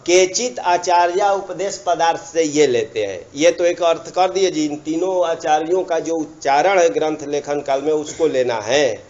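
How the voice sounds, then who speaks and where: A man teaches a grammar lesson in a fairly high voice. He repeats key terms and keeps reminding the listener to pay attention. The recording is dull and lo-fi. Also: moderate pace, hardly any pauses, darkish tone. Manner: repetitive, checks understanding with asides.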